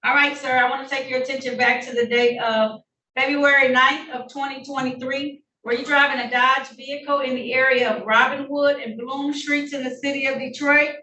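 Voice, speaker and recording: A woman judge running formal hearings, brisk and polite, heard in a courtroom recording. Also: sits high, steady tone, pushed and bright. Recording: echoey room heard from a distance, faint noise.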